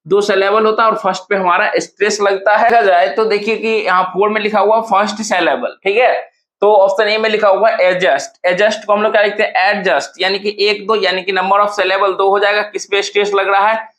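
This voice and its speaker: A man's voice: high-pitched, flat delivery, brisk, a bit bright. A man teaching an exam-prep lesson, explaining step by step and asking the class repeated questions.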